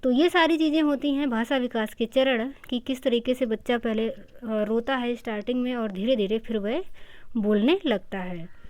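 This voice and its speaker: A woman's voice: fairly high pitch, moderate pace, a little mellow. A woman teacher giving an exam-prep lecture, explaining step by step, repeating key terms and mixing in English words.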